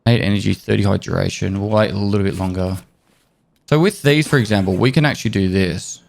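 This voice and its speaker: A gaming streamer gives casual gameplay commentary, explaining tips and swearing now and then. His voice is lowish, brisk, and gravelly, with loud game noise underneath.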